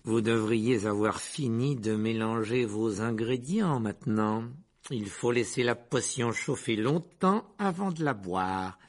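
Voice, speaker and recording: A man voicing a cold, sneering male potions teacher who speaks slowly and with contempt, in a storybook reading. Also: on the low side. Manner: slow, cutting, contemptuous.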